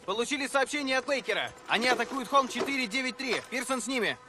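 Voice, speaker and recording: A man's voice: extremely high pitch, animated, quick pace, slight background noise, heavily acted. A male actor playing an alert, dutiful soldier giving clipped, urgent reports in a war video game. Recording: game audio with loud music.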